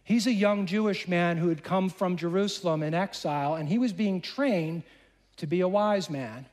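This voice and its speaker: A man's voice: sits high, moderate pace. A man preaching a sermon, retelling a scripture story in a casual, conversational way and acting out the characters' lines. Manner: animated, acts out dialogue in voices.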